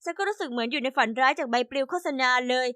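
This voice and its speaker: High-voiced woman narrating an animated story. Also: very fast, no echo. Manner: chatty first-person storytelling, voices other characters.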